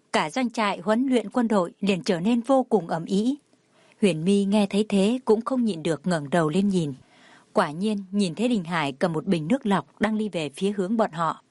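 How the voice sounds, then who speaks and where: A woman narrating an audio novel in a steady storytelling manner. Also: mid-range voice, no echo, clean studio sound.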